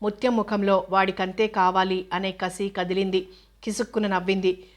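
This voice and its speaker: A woman narrating a novel in a steady, even reading voice. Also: mid-range voice, normal speed. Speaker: audiobook narrator.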